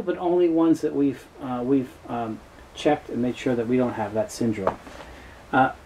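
In a small cluttered room full of shelves and tapes, a middle-aged man presenting as a tape seller explains a product in an informal, matter-of-fact way. His voice is mid-range and a little mellow, and the poor audio carries some hiss or hum.

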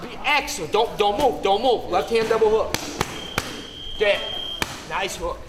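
A man's voice: sits high, measured pace. A male boxing coach calling out punch combos in short clipped commands with brief encouragement, recorded in an open gym. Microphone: camera mic a few metres away. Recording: echoey open gym, loud background noise.

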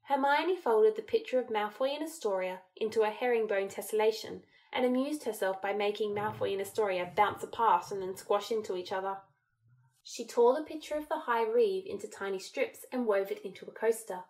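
A woman reads a fan fiction audiobook aloud. Her storytelling is steady and even. Her voice sits at a middle pitch for a woman. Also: a little fast. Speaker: audiobook narrator.

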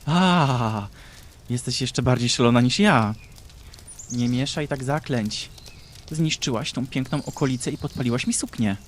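A cruel mad sorceress from an audiobook fantasy tale, drawn-out and taunting, slipping into sing-song mockery, as a male reader puts her on. The voice sits at an ordinary middle pitch, with a faint hiss of noise beneath it. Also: close to an everyday voice. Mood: mocking. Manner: slow, taunting, sing-song with cackling laughs. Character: mocking mad woman, ancient sorceress, cruel.

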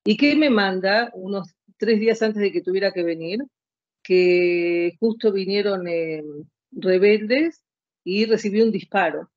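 A woman in her late fifties, appearing as an interview guest, tells her own story in a rambling, heartfelt, emotional way. Her mid-range voice is unhurried, and the recording is lo-fi with no echo.

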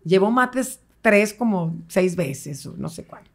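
Middle-aged woman, interview guest, lively storyteller. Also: medium pitch, measured pace. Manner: animated, acts out quoted voices, laughs often.

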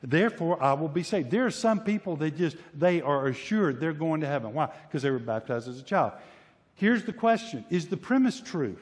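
A man's voice: a little high, animated, moderate pace, big-room sound. A male pastor preaching a sermon with emphasis, often repeating and restarting words and acting out imagined voices. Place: church sanctuary.

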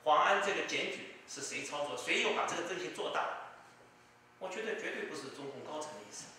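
A man's voice: a little high, expressive, fairly quick, bright, forceful tone, a little hiss or hum. A man giving emphatic political commentary, with rhetorical asides to his listener. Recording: distant mic in an echoey room.

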